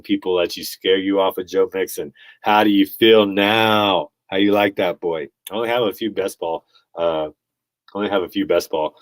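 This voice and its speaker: A man hosting a sports podcast talks in a very low, deep voice. He is blunt and opinionated, chuckling at his own takes. The sound is close and dry. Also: darkish tone, no echo, rough recording. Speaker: podcast host. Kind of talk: casual sports commentary.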